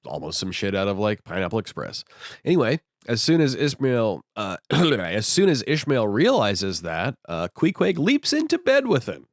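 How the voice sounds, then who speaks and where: A man's voice: on the low side, huge pitch swings, normal speed, dry recording. A man giving casual, profane commentary on a book, with many fillers.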